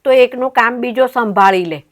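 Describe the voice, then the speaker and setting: A woman's voice: a little high, normal speed. Opinionated woman with a raised voice. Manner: opinionated, explaining. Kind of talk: casual discussion.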